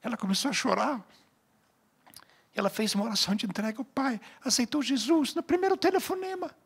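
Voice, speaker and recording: A male pastor with a Brazilian Portuguese accent preaching a sermon, swinging between loud emphatic lines and hushed ones. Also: very high-pitched, fairly quick, vocal fry, slightly rough. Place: church service.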